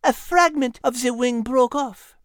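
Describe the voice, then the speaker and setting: A man reading a storybook, voicing a clever female animal with a French accent, eager and quick to connect clues. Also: very high-pitched, dry recording, studio quality, pitched above the performer's own voice. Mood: excited. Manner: marveling, quick to piece things together. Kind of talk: storybook character voice.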